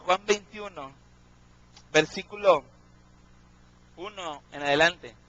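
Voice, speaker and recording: A man's voice: on the high side, slow pace, fairly bright tone, highs cut off. A man preaching a sermon, often asking his congregation questions and checking in with them.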